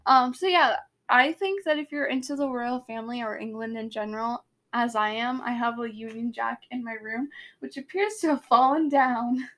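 Giggly high-voiced young woman. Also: normal speed, a bit bright. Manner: giggly, rambling, chatty. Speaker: podcast co-host. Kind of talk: casual chat.

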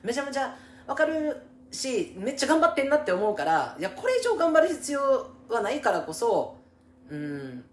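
This Kansai-accented woman co-hosts a casual advice chat, speaking empathetically and emphatically and frequently chiming in to agree. Her high-sitting, very animated voice keeps a moderate pace in an echoey room with faint background noise.

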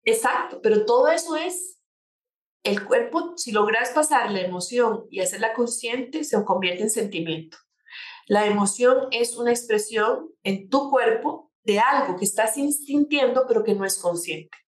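A woman's voice: on the high side, lively intonation, measured pace. A woman speaking as a coach on changing attitudes, explaining her points with rhetorical questions and everyday examples. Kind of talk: conversational talk show guest. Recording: echoey room.

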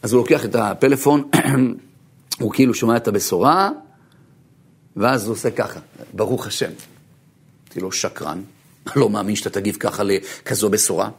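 A man, a rabbi, giving an animated lecture full of stories, swinging from low murmurs to high bursts and laughing as he tells them. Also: vocal fry, long pauses, breathy edge. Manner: laughs while telling stories.

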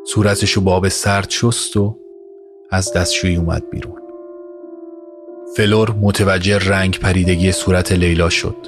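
Low-voiced male storyteller over music. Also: little pitch movement, pauses often. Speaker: narrator. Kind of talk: scripted audio story narration. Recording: narration over music score. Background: music score.

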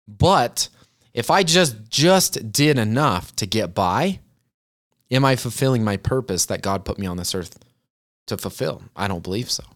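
A man's voice: lowish voice, animated, a little slow, a bit bright. Earnest young man giving motivational talk. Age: 20s. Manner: earnest, chatty, addresses listeners as "you guys". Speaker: podcast host.

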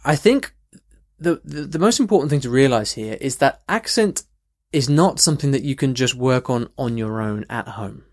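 A man's voice: mid-range voice, animated, normal speed. Chatty man teaching pronunciation. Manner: conversational, many restarts and "okay" check-ins. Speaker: language teacher, podcast host. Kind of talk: unscripted podcast lesson. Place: in London.

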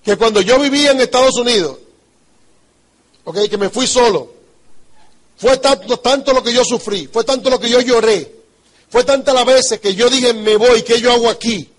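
A man's voice: very high-pitched, normal speed, long pauses. A man with a Dominican Spanish accent giving a motivational business talk, emphatic and repetitive, often asking his listeners rhetorical questions. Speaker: business trainer.

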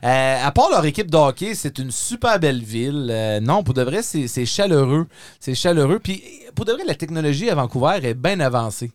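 A man's voice: a little high, big pitch swings, fairly quick, no room sound. A man with a Québécois French accent, telling a story in casual chat, laughing often and slipping in English phrases.

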